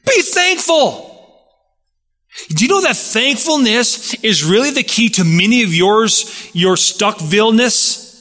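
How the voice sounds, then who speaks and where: A man's voice: high-pitched, animated, unhurried, sharp tone, big-room sound. A man preaching a sermon as pastor, talking conversationally and asking his listeners rhetorical questions.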